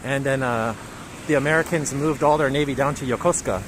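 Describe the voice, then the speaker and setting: A man's voice: mid-range voice, brisk. Chatty man on a city street. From Japan. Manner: chatty, reading out viewer comments. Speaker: livestream host. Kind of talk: casual livestream walking tour. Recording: outdoor street recording with traffic noise. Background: traffic and street noise.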